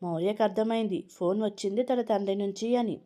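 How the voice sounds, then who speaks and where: A woman reading a serialized story aloud in a steady, expressive manner. Her voice is mellow and warm, at an even middle pitch. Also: a little fast. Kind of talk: storybook narration.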